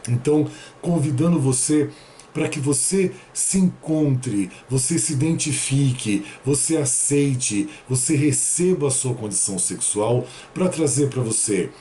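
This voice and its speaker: A man's voice: mid-range voice, lively intonation, measured pace, slight background noise. A man with a Brazilian Portuguese accent giving a casual tarot reading to his viewers and addressing them in a familiar way. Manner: warm, familiar address with frequent "né?" and "tá bom?". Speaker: tarot reader.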